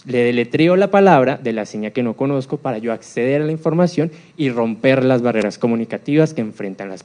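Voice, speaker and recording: A man's voice: fairly high pitch, darkish tone. A man giving a live talk in a university hall, often putting questions to the audience. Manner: engaging, quizzes the audience with questions. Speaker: speaker on accessibility for deaf people.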